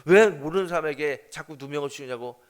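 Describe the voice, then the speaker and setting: A man's voice: fairly high pitch, brisk, close to an everyday voice. A man preaching in the voice of an ashamed, grieving fisherman disciple who reproaches himself in a sobbing lament. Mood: anguished.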